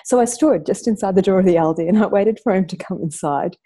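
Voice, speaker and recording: A woman's voice: medium pitch, fast talker, breathy edge. A woman, a podcast guest telling an intense story in casual chat. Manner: animated, intense storytelling with laughs.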